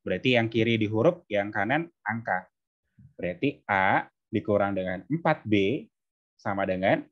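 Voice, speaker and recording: A low-voiced man tutors exam maths informally, going step by step and frequently asking students whether they're following. The sound is lo-fi.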